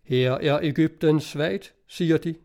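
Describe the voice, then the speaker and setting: A man reads a story aloud in steady, scripted audiobook narration. His voice sits somewhat high for a man. He gives each character's dialogue a light shift of its own.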